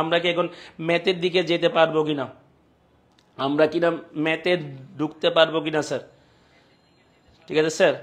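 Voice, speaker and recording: A man with a Bangladeshi accent and a slightly high voice teaches a live online class, repeating his points and often checking whether students are following.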